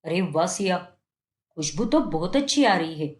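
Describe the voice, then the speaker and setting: A woman's voice: on the low side, very animated, normal speed, darkish tone, roomy sound. A woman voicing a fault-finding young husband in a cartoon, scolding and contemptuous. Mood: cheerful. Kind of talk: Hindi cartoon dubbing.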